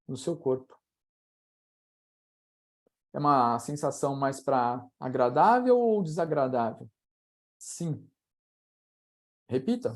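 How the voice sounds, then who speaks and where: A man's voice: on the high side, mellow. A Brazilian man mentoring a live online audience, talking casually and walking listeners through exercises with frequent tag questions. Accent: Brazilian Portuguese. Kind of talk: live online coaching talk.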